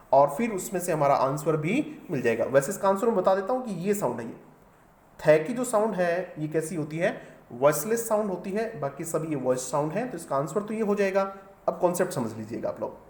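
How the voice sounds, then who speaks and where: A man's voice: fairly high pitch, very animated, fairly quick, a little mellow. A man teaching an exam-solution lesson, explaining step by step and often asking the class questions.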